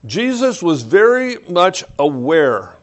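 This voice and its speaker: A man preaching a sermon, reading scripture aloud and reflecting on it, often dropping his voice low on key points. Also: sing-song, takes it slowly. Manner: reflective, varies pace and loudness, drops low on key points.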